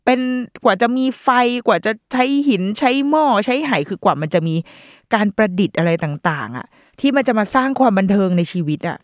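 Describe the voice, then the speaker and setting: A woman hosting a parenting podcast in a chatty, playful way, full of fillers and quick asides. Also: mid-range voice, sing-song, no room sound, studio quality. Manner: chatty and playful, with lots of fillers and mock quoted voices. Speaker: podcast host. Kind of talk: casual parenting chat.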